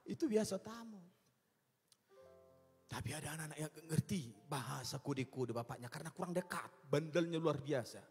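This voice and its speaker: A man preaching a humorous sermon, swinging between quiet asides and loud, emphatic bursts. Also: a little high, animated, moderate pace, breathy edge. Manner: humorous, acts out little scenes. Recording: music behind, long hall reverb.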